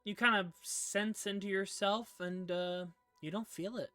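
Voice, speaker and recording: Streamer dm with a bright tense voice, super dry close sound, casual and sweary. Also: mid-range voice, fairly even intonation, unhurried, no echo, faint music behind. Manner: casual, swears at tech trouble. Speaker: game master. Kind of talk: running a tabletop game on stream.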